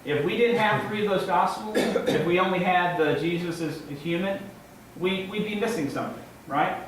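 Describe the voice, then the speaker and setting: Male lay preacher, informal and halting, repeats words and checks in with listeners; very reverberant room, distant mic. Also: high-pitched. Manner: ends points with checking tags like "right?" and "okay?". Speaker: lay preacher giving a first sermon. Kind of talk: informal, conversational sermon. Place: large echoing indoor room, before a congregation. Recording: very echoey room, distant mic, faint noise.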